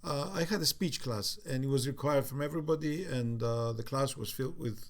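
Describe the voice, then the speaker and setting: Reflective Cypriot-accented man in his sixties. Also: medium pitch. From Cyprus. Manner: reflective, halting with many fillers. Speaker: interviewee, father. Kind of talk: casual family interview.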